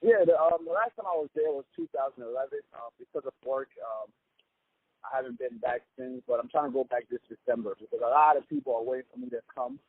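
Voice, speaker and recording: A young Ghanaian comedian, appearing as a guest, chats easily and upbeat with fillers in a casual phone interview. His medium-pitched, husky voice moves fast, with no room sound and a tinny phone-line quality.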